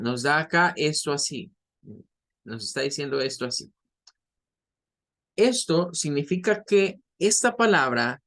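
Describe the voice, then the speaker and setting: A man's voice: on the high side, a bit bright. A male English teacher walks through pronunciation step by step. He explains patiently and says each model sound several times, raising his voice when he demonstrates it. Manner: explains slowly, repeats model sounds aloud. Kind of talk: online pronunciation lesson.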